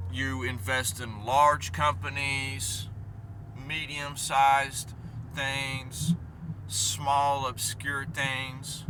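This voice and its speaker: A man vlogging in a casual, rambling, playful way, halting as he goes, with a whistling S. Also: mid-range voice, sharp tone. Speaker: vlog host. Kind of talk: casual rambling solo talk. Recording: noisy, car noise behind voice.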